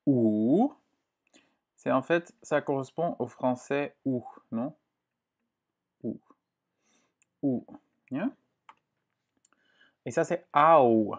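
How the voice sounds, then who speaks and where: A man teaching pronunciation in an online lesson, repeating words slowly and checking in with short tags like "ok?" and "hein?". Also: mid-range voice. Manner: slow, patient, with many fillers and checks like "hein?" and "ok?". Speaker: language teacher.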